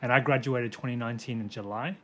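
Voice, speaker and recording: A young Australian man chats easily on a podcast, with a mid-pitched voice and a quick laugh. He tells stories with relaxed, self-deprecating asides. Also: slight background noise. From born in Hong Kong, raised in Brisbane, Australia. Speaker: physiotherapist guest. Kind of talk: casual podcast chat.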